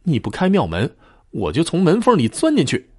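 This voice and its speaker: A scolding ghost wife from a spoken storybook, as a man puts her on, pitched up and swinging widely in pitch. The voice is husky, and the recording is dry and close. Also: huge pitch swings, moderate pace, mellow, no room sound, exaggerated voice. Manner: scolding, demanding.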